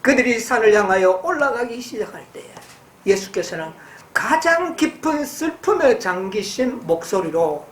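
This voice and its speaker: A woman preaching a sermon. She reads passages slowly and then explains them, asking her listeners questions and answering them herself. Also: on the high side, very animated, roomy sound, slight background noise. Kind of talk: sermon with Bible reading.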